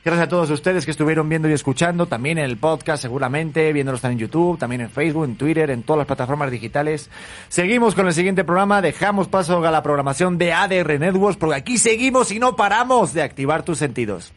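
A man's voice: a little high, quick pace. A man with a Spanish accent hosting an interview in a jokey, affectionate way, laughing often. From Spain. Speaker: host. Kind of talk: casual interview chat.

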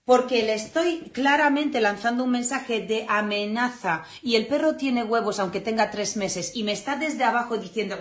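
Lively blunt woman teaching dog training. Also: fairly high pitch, moderate pace, few pauses. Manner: animated and blunt, swearing freely, acting out scenes. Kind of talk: lively spoken lesson.

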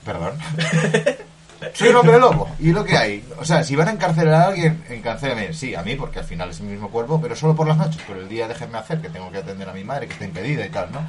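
A man's voice: mid-range voice, animated, quick pace, a crowd in the background. A man co-hosting a casual, comedic chat, telling crude stories and laughing often. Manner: joking storyteller, crude and laughing. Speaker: podcast co-host.

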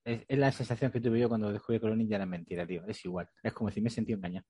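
Spanish guy hosting a podcast, talks fast, casual and jokey, dry sound. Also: lowish voice, steady tone, dark tone, husky, no room sound. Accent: Spain Spanish. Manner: casual, joking, asks long questions. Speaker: podcast host.

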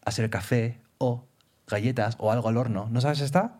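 A young man from Peru co-hosting a casual podcast chat, telling stories animatedly and acting out quotes with sudden high exclamations. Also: moderate pace, a little mellow. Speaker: podcast co-host.

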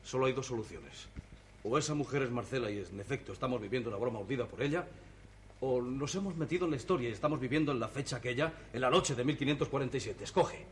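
An actor playing a romantic, dreamy husband who explains things in an insistent, playful way, with a Spain Spanish accent. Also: male voice, mid-range voice, fast, a little hiss or hum, natural voice. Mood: earnest. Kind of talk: 1960s TV stage play acting.

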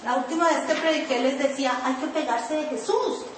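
Woman pastor, high voice, storytelling sermon, distant mic, very echoey hall. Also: brisk, a little hiss or hum. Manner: storytelling preacher, mimics her own pleading in a sing-song whine. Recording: echoey room, voice from far off.

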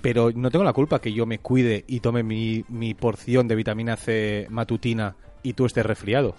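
A man's voice: medium pitch, fairly even intonation, normal speed, darkish tone, faint music behind. A man chatting casually as the co-host of a podcast.

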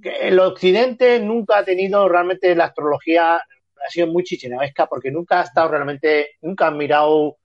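A man's voice: fairly high pitch, moderate pace. A man with a Spain Spanish accent co-hosting a podcast, rambling and joking in casual chat, his sentences often trailing off. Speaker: podcast co-host. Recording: dull lo-fi dry sound.

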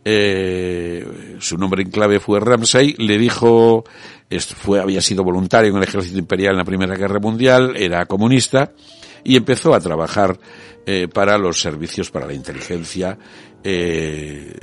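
Low-voiced man hosting a radio talk show. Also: normal speed, no room sound. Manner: relaxed, hesitant with frequent fillers.

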